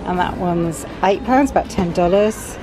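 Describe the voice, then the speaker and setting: A middle-aged British woman vlogging from a big store, chatting excitedly about items and their prices. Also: on the low side, moderate pace. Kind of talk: shopping vlog walkthrough. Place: large busy store indoors. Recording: store music and crowd noise behind.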